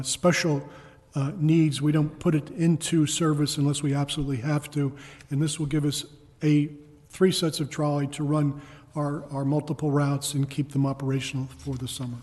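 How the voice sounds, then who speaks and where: A man presenting a report to a town council as an official, explaining in a halting, measured way. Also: on the high side, a little mellow. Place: council meeting room. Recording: reverberant meeting hall.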